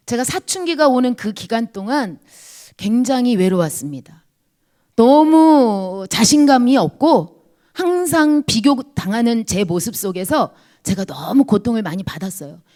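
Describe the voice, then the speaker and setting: Woman giving a lively, high-pitched church testimony. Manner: earnest confessional storytelling, dropping to a hushed whisper at low points; speaks directly to the congregation. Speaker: pastor's wife giving testimony.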